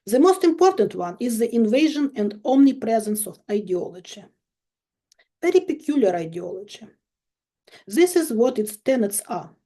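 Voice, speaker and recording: A woman in her fifties from Ukraine, a chemistry professor giving a measured, emphatic recorded lecture with dry irony. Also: on the high side, mellow.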